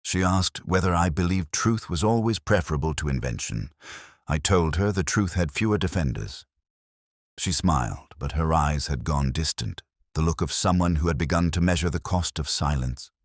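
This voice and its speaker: In an extremely low voice, a man narrates a scripted, reflective first-person detective story as a world-weary police inspector recounting a case. His delivery is measured and brooding, with lively pitch movement. The recording is close and dry, with no room sound.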